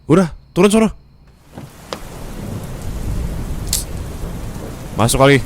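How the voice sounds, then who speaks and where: In an acted Indonesian ASMR boyfriend roleplay, a man plays a curt, haughty young boss who's reluctantly on a blind date, sounding annoyed and scornful. He speaks rapid-fire in a fairly high, near-everyday voice with lively intonation, brusque and dismissive. Car ambience sound effects are clearly audible behind him.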